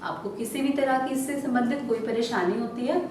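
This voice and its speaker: A woman's voice: fairly high pitch, a little mellow, slight background noise. A woman teaching Hindi to young children in a recorded lesson, stretching out syllables and answering her own questions. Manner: slow, drawn-out syllables, coaxing questions answered herself. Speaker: primary school Hindi teacher. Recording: very echoey room, voice from a distance.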